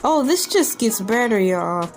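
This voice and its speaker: A woman hosts a video giving casual, comedic commentary on a news article, full of incredulous, joking and rambling asides. Her voice is a little high with big pitch swings, and she speaks unhurriedly. Background music plays as a bed under her voice.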